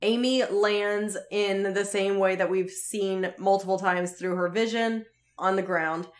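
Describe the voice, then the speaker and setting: A woman's voice: mid-range voice, unhurried. Chatty woman podcaster, laughing often. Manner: animated, laughs often, lively retelling. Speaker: podcast co-host. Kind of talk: casual chat recapping a TV episode.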